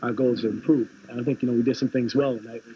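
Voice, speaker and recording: A young college basketball player in his twenties giving an excited postgame interview, stumbling over repeated words. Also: medium pitch, rapid-fire, a little hiss or hum. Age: 20s. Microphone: handheld reporter mics. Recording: lo-fi 1990s TV clip with crowd.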